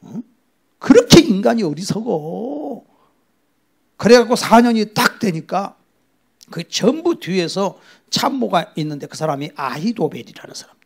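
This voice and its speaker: Man, pastor, middle-aged, sermon, high-pitched, gravelly and husky, dramatic storytelling, sudden whispers. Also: sing-song, unhurried. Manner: dramatic storytelling, acting out voices and dropping to whispers.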